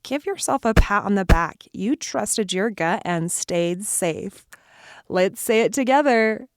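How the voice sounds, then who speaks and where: A woman tells a children's campfire story in a slow, soothing voice, dropping to whispers and leading call-and-response. Her voice sits at a middle pitch. The recording is dry and close. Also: expressive, clear, resonant tone, no room sound.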